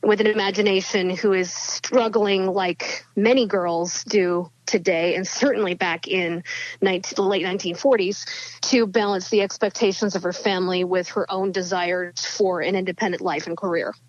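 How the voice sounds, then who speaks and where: A woman novelist talks through her answers in a chatty, rambling way, full of fillers and restarts. Her pitch sits in the middle, and the sound is a little dull and lo-fi. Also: fairly even intonation, normal speed, no echo. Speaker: novelist guest. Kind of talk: interview answers.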